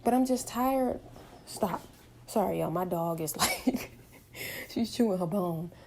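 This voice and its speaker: A woman's voice: on the low side, expressive, unhurried, darkish tone, slight background noise. A woman in her twenties vlogging from home in an impassioned, emphatic monologue full of rhetorical questions. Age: 20s. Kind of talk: opinionated direct-to-camera monologue.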